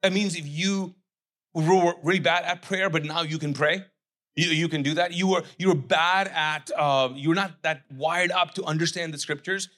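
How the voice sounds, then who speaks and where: This middle-aged pastor, from a Pakistani family and raised in Kuwait, speaks English as a non-native language. His sermon is conversational: he acts out imagined people's voices and invites the crowd to complete his lines. His voice runs on the high side, steady and fairly bright, at a normal pace.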